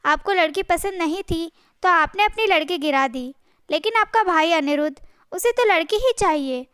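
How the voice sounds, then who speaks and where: A woman's voice: very high-pitched, animated, normal speed, fairly bright tone, no room sound, clean studio sound. A woman voicing a distressed, earnest young wife in a family story. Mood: pleading. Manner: pleading, earnest.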